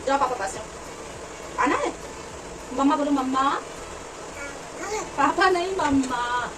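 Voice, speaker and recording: A woman's voice: high voice, takes it slowly. A woman talking to her baby in a sing-song, coaxing way, repeating the same words over and over. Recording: distant phone mic with loud dog and household noise.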